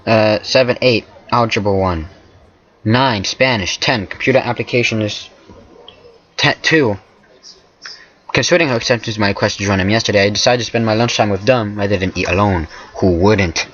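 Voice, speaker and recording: A man's voice: fairly low pitch, normal speed, a bit bright, lo-fi sound. A man reading a visual novel aloud for a let's play, stumbling over words and tossing in joking asides. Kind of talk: casual let's play narration.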